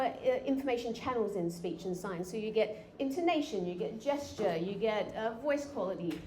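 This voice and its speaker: Giving a live talk in a conference room, a woman speaks chattily with frequent fillers and restarts. Her voice is fairly high and a little mellow, and the echoey hall carries faint noise.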